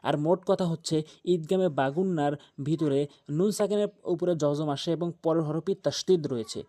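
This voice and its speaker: A man with a slightly high but mellow, dark-toned voice teaches Quran recitation step by step. He keeps repeating himself and pausing on fillers. When he sounds out the letters and syllables, he drags them out in a slow chant. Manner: patient, repeats points and urges attention, with frequent hesitation fillers. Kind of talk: tajweed lesson with spelled-out examples.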